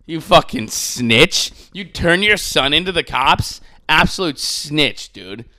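A man's voice: a little high, expressive, takes it slowly, pushed and bright. A young man hosting a podcast, ranting casually with profanity and mocking imitations of people he disagrees with. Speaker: podcast host.

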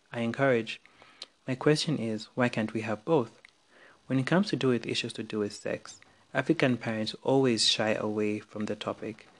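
A young man from Zambia with a Zambian English accent, hosting an opinion podcast in an earnest, frank, scripted monologue. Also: medium pitch. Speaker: podcast host.

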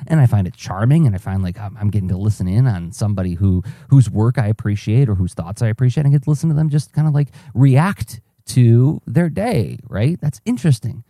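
Solo podcaster, male, deep mellow tone, searching and self-questioning, lots of ums and restarts, dry sound. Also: expressive, fairly quick, hardly any pauses, no echo. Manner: musing, self-questioning, frequent fillers and restarts. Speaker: podcaster and cartoonist. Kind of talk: reflective solo journal podcast.

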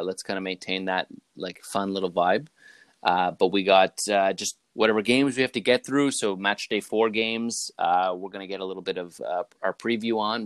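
Low-voiced man hosting a casual podcast. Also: clear, resonant tone, no room sound. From Canada. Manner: relaxed, rambling with many fillers. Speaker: podcast host. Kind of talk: casual chat.

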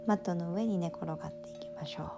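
A woman instructor leads guided breathing and relaxation in a soft, soothing way, often trailing into breathy near-whispers. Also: fairly low pitch, racing. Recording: prominent music with singing bowl tones. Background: meditation music with singing bowls.

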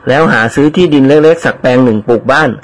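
A man's voice: medium pitch, fast, natural voice. A man reading the part of a fawning, money-dreaming male servant, slipping a servile polite tic into every sentence. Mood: eager. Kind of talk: audiobook character reading.

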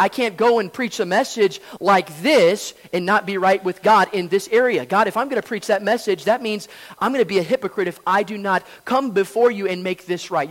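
A man preaching a sermon in church, telling a story with soft asides and loud emphatic lines. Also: sits high, in a large hall. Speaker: pastor. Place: church sanctuary.

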